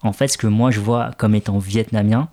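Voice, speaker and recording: A man's voice: on the low side, fairly even intonation, a little fast, mellow. A man who grew up in France, talking in an interview, hesitant with many fillers. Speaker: interview guest, café co-founder. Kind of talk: casual interview talk.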